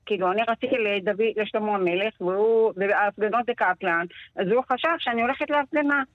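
A woman's voice: mid-range voice, no room sound. Shaken woman in her sixties on a muffled line. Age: 60s. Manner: shaken, rushed storytelling that replays dialogue. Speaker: interviewee. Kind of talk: emotional first-person account on radio.

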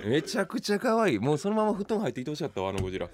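Fast animated Kansai man joking. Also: a little high. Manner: animated, teasing, quick jokes. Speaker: podcast co-host. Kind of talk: casual comedy banter.

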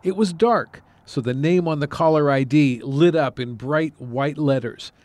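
A man hosting and reporting on a news podcast, delivering measured, scripted narration. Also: a little high, a little mellow, no echo.

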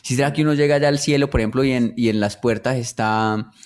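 A man's voice: medium pitch, fairly even intonation, quick pace. A Colombian man co-hosting a podcast, talking in a hesitant, reflective way with many fillers. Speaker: podcast co-host. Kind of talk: casual conversation.

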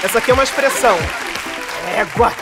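A man's voice: very high-pitched, fast, over a noisy crowd. A man acting as show assistant, running a slang quiz segment with a teasing quizmaster manner. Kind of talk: game-segment presenting. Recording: studio with loud-ish music and audience. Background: music and audience.

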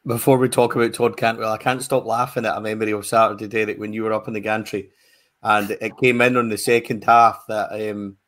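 A man's voice: fairly low pitch, flat delivery, brisk, a bit bright. A man chatting casually as a football pundit, with frequent fillers and restarts.

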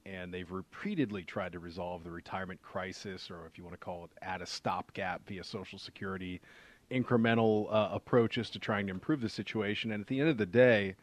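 A man's voice: low voice, steady tone, brisk. A man giving a conversational explanation as a financial adviser on a radio show, using rhetorical questions and repetition for emphasis.

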